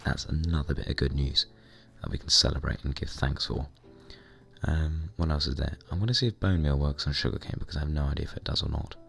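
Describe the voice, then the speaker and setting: A young man with a hoarse, croaky voice, chatting casually and rambling while playing a computer game. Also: extremely low pitch, fairly even intonation, fast talker, a bit bright. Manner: rambling, chatty, mild swearing. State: hoarse, recovering lost voice. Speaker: gaming vlogger. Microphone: desk microphone at computer.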